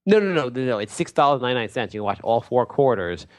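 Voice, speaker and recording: A man voicing a pompous self-styled male lord and sports insider in an improvised comedy bit, rambling through a grandiose sales pitch. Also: very animated, fast talker, natural voice.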